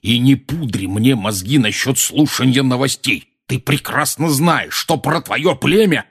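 A man voicing a bellowing, furious middle-aged uncle in an audiobook, hoarse and blustering. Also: medium pitch, a little slow, voice pushed up. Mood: furious shouting. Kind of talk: audiobook character voice.

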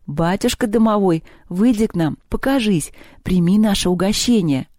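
A storyteller voicing a clever schoolgirl who gently coaxes and flatters a boy into helping. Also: mid-range voice, brisk, dry recording, clean studio sound, voice pushed up, natural voice. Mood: coaxing. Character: clever pleading schoolgirl, coaxing.

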